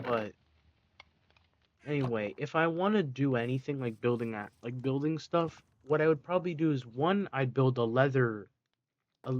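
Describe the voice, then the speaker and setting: A man's voice: medium pitch, dull audio. A man giving casual gameplay commentary, rambling, correcting himself mid-sentence and dropping sarcastic asides. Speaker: let's play gamer.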